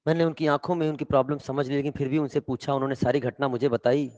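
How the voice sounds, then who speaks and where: A man teaching chemistry in a lively lecture, often asking whether students follow and telling stories, in an echoey hall with dull sound. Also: medium pitch, quick pace. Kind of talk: classroom lecture with storytelling.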